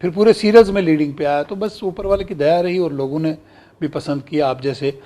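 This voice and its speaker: A man's voice: a little high, a little fast. A middle-aged man from Kashmir, an actor and broadcaster animatedly recalling his career in an interview and acting out old conversations. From Kashmir, India. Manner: animated storytelling, acts out quoted exchanges.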